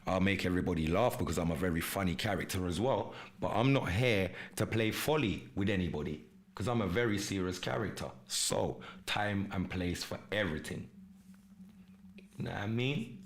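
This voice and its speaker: An English-born man with a Jamaican Patois-inflected English accent, hosting a live podcast in an emphatic, repetitive monologue that mixes in patois slang. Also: fairly low pitch. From England. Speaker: podcast host.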